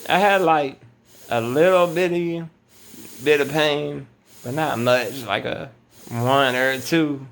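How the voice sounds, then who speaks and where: A man's voice: on the high side, slow pace, vocal fry, fairly bright tone, slight background noise. A man talking in a casual, rambling late-night monologue to his viewers, laid-back and often saying "man". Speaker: vlogger. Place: at home at night.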